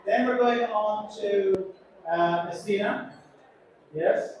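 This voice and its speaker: A high-pitched Irish man, captaining a cruise ship, talks slowly through a passenger announcement, chatting, cracking jokes and teasing himself. He's heard from far away in the ship's big echoey atrium amid crowd noise.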